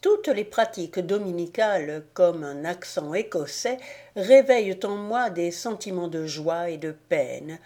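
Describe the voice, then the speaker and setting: A woman reading an audiobook aloud as a calm, even storyteller who also speaks the quoted lines. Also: lowish voice, a little slow. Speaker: audiobook reader. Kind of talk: scripted narration.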